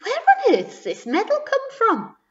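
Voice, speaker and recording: A woman's voice: mid-range voice, huge pitch swings, fast. A woman doing a puzzled lady of the house. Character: puzzled adult woman, homeowner. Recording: dull recording from a distance.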